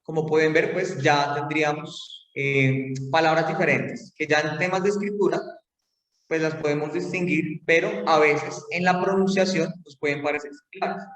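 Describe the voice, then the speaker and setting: A man's voice: fairly high pitch, steady tone, normal speed, fairly bright tone. A man giving a phonetics lecture, explaining step by step with fillers and check-in questions. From Colombia. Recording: roomy hall, mic far off.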